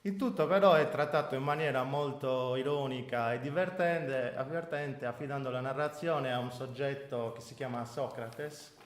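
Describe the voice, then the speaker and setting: A man in his forties from Sardinia, speaking as an interview guest. His pitch sits in a middle range and he drives his points home by repeating them. The recording carries a roomy echo. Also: normal speed, hardly any pauses. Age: 40s. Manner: emphatic, repeats points for weight. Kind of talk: radio interview answers.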